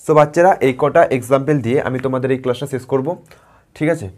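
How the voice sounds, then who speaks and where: A man's voice: mid-range voice, a little mellow. A man from West Bengal teaching a grammar lesson, patiently repeating words, sounding them out syllable by syllable and asking his students questions. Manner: drawn-out syllable-by-syllable pronunciation.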